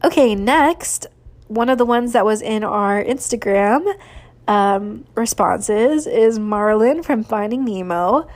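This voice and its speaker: A woman's voice: fairly high pitch, lively intonation, slow pace, darkish tone. A woman hosting a podcast, chatting casually and sentimentally, gushing with lots of fillers. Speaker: podcast host. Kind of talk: casual solo podcast chat.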